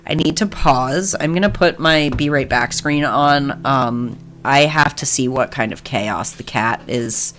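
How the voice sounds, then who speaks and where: A man's voice: mid-range voice, unhurried, few pauses, fairly bright tone. A man chatting casually on a live stream, hesitant and self-deprecating as he reads a game aloud.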